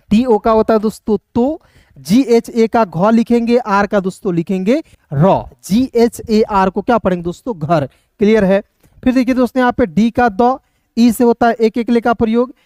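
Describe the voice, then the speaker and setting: A man's voice: sits high, a little mellow, dry recording, clean studio sound. A man teaching a beginner language lesson, patiently spelling words out letter by letter, checking often that listeners follow and cheering them on like friends.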